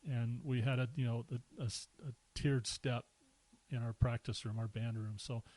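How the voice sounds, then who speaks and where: A man's voice: mid-range voice, moderate pace, poor audio. A middle-aged man, a podcast guest, casually telling personal stories, acting out quotes and chuckling as he goes. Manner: relaxed anecdotes with chuckles and acted-out quotes. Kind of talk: casual storytelling.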